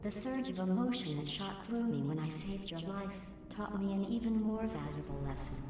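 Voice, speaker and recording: A woman voicing a coldly sardonic female artificial intelligence in a video game, speaking in a measured, deadpan, condescending way. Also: medium pitch, natural voice. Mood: coolly sincere, dry. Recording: roomy long reverb under game music.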